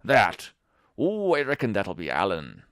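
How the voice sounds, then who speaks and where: A man reading aloud voices a crafty older male pirate cook who coaxes in rough sailor dialect. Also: lowish voice, wildly swooping pitch, a little slow, fairly bright tone, no echo, clean studio sound, heavily acted. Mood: sly.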